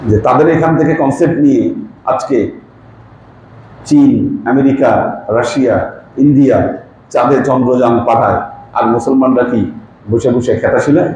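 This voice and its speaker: A man's voice: medium pitch, fairly even intonation, normal speed, long pauses, darkish tone. A man gives a religious lesson as a Sufi teacher. He explains points and puts questions to his listeners, and his voice rings through a very echoey room. A faint hiss runs underneath.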